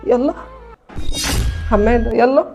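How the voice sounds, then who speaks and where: A woman's voice: a little high, unhurried, muffled recording, faint music behind. A woman playing a tender young Egyptian mother. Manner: tender, pleading. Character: young mother, tearful and torn.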